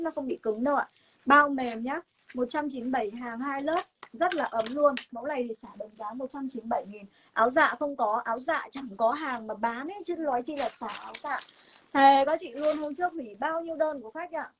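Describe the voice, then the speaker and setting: A young woman with a Northern Vietnamese accent giving a casual live sales pitch for clothing, insistent and repetitive, with emphatic promises to viewers. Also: fairly quick, fairly bright tone, a little hiss or hum, rough recording. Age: young adult. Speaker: online clothing seller hosting a livestream sale. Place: room stacked with clothing stock, indoors.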